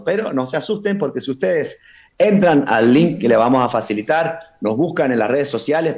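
A man's voice: mid-range voice, gravelly, a little mellow, muffled recording. A middle-aged Argentine man, a puppeteer and cultural manager, chatting enthusiastically as a guest on a TV interview. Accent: Argentine Spanish. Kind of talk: TV interview, promoting a festival.

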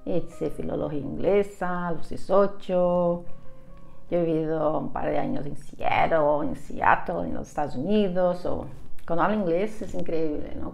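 A woman's voice: low voice, gravelly, a little mellow. A woman in her forties from São Paulo with a Brazilian Portuguese accent, a native Portuguese speaker, telling stories as an English teacher in a chatty way, often laughing and ending sentences with "¿no?". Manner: chatty, laughing, frequent "¿no?" tags. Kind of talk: casual storytelling lesson.

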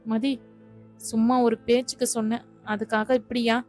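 A woman voicing a devoted lawyer husband who pleads with his wife, in a flat storybook reading. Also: on the high side, normal speed, soft background music, natural voice. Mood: earnest. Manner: earnest, placating.

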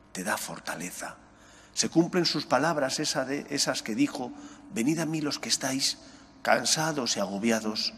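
Middle-aged priest, husky voice, earnest homily, chapel with long reverb, ambo mic. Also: male voice, mid-range voice. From Spain. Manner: earnest preaching, rising on questions, dropping soft on key words. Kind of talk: gospel reading and homily. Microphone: gooseneck mic on ambo.

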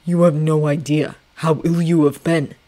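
A woman's voice: deep voice, little pitch movement, moderate pace, warm tone, natural voice. A woman voicing a stern older male general who gives firm, clipped orders.

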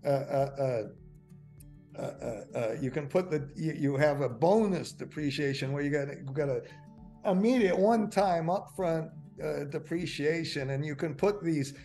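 An older man teaching a finance webinar in a fairly high voice, rambling through fillers and restarts. He corrects himself often and gets worked up over small points. Faint music plays behind him. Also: normal speed. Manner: rambling, many fillers and self-corrections, excitable. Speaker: finance instructor. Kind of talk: webinar lecture.

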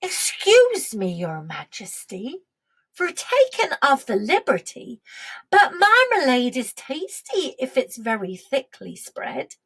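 A woman's voice: high voice, wildly swooping pitch, slow, a bit bright, breathy edge, voice pushed up, heavily acted, low-quality recording. A woman playing a deferential, eager-to-please young dairymaid in a children's verse story, speaking politely and carefully. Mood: shy, deferential.

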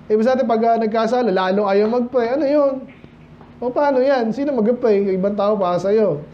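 A man's voice: very high-pitched, brisk, dull audio, slight background noise. A man with a Filipino accent preaching a midweek Bible-study sermon, chatting with the congregation and asking them "Amen?". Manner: acts out quoted voices of listeners. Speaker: pastor. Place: small church hall.

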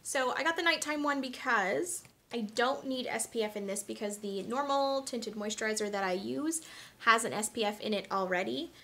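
Young woman vlogger, talkative and candid, slightly high voice, relaxed product rundown. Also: moderate pace. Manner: chatty, frank, many ums and asides. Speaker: beauty vlogger. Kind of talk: casual product review chat.

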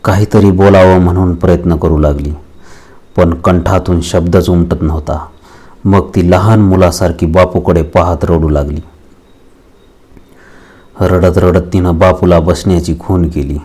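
A male storyteller reading a novel aloud in a scripted, measured way. His voice is very deep and holds an even, level line. Each sentence is delivered deliberately. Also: slightly rough. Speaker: narrator.

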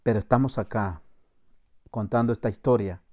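A man's voice: lowish voice, normal speed. Salvadoran man telling war stories. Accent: Salvadoran Spanish. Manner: acts out shouted commands, laughs, voseo slang. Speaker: former soldier telling his story. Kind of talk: animated storytelling to camera.

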